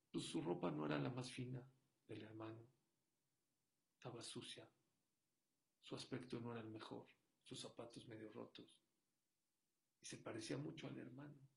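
Gravelly-voiced man preaching a story. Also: mid-range voice. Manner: animated storyteller, swings from hushed to loud. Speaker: rabbi. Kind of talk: sermon with storytelling.

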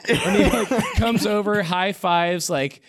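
A young man in casual chat, telling an excited story with laughs and swearing. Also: high-pitched, slow pace, slight background noise.

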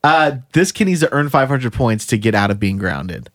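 A man's voice: medium pitch, big pitch swings, normal speed, fairly bright tone. A man co-hosting a casual chat, reading items from a list aloud and laughing often.

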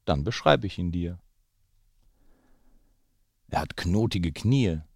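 A man voicing a clever little mouse in a rhyming children's story, reciting brightly. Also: sits low, animated, slow, gravelly, husky, dry recording, studio quality, full character voice. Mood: confident.

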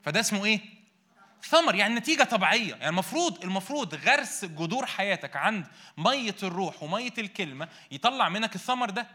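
A man preaching a sermon in an Egyptian Arabic accent, firing questions at his congregation and answering them himself, swinging between loud bursts and quiet asides. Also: high voice, very animated, fast.

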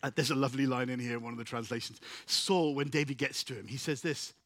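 A male preacher giving a sermon, telling a biblical story in an animated way, acting out the characters and laughing often. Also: mid-range voice, quick pace, no echo.

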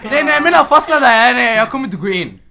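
A young man in casual chat with friends, animated, mixing English phrases into his speech. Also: very high voice, a loud crowd.

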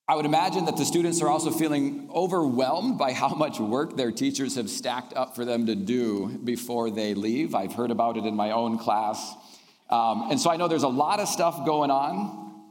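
In a chapel talk to students, a man in his fifties who grew up in Indonesia and teaches math speaks earnestly and reflectively, with lots of ums. His voice is mid-range and a little mellow, echoing with long hall reverb.

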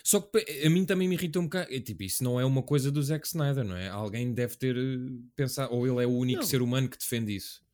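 A man's voice: mid-range voice, quick pace, few pauses, a little mellow. A man from Portugal chatting casually as a podcast co-host, colloquial and opinionated, often checking for agreement. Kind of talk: casual chat.

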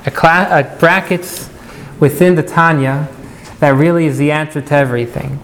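A man's voice: a little high, fairly even intonation, moderate pace, a bit bright. A man teaching a class as an interactive lecture, putting questions to his students and repeating key points. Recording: noisy live classroom recording.

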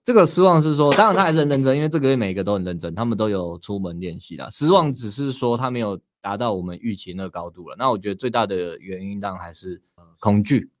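A man's voice: on the low side, expressive, quick pace, dry recording. A man with a Taiwanese Mandarin accent, coaching in a casual chat, talking bluntly and sternly. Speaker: dating coach.

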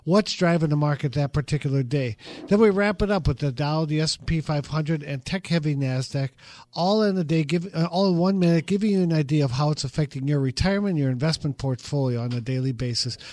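A man talks retirement investing on a radio show, rambling a little and poking fun at himself. His voice sits a bit higher than most men's, and the studio mic gives it a close, dry sound. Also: a little fast, a little mellow, no echo. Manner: chatty, self-deprecating, loose with fillers. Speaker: investment firm head, show host. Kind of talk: casual radio talk. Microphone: studio microphone.

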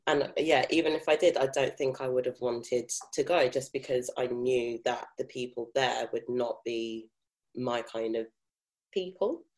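A woman's voice: a bass voice, measured pace, a little mellow. A young adult woman with a mild South London accent, chatting candidly and informally as she tells personal stories in an interview. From South London, England. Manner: informal, frequent swearing and filler "like". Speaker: interview guest. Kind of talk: candid casual chat, telling personal stories.

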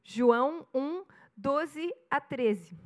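A woman's voice: sits high, extremely slow. A woman pastor in her thirties from Brazil with a Curitiba accent, preaching a sermon and acting out little dialogues as she tells stories. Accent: Brazilian Portuguese, Curitiba. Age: 30s. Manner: animated storytelling, acting out dialogue.

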